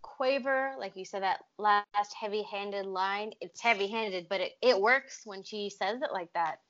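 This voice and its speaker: A woman's voice: medium pitch, measured pace, fairly bright tone. Wry woman host, dull lo-fi sound. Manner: wry, self-described pessimist. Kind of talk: casual trailer-reaction chat.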